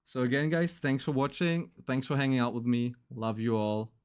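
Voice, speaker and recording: A man's voice: mid-range voice, a little fast, clear, resonant tone. A young man signing off his stream with loose, rambling casual talk, full of fillers.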